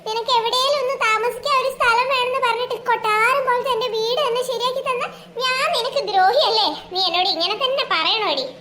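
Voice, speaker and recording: Performer as a casual young cartoon guy on the phone, very high voice, echoey room. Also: fast, few pauses, bright, forceful tone, slight background noise. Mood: irritated. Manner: casual, reassuring, offhand. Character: sleepy young man on the phone.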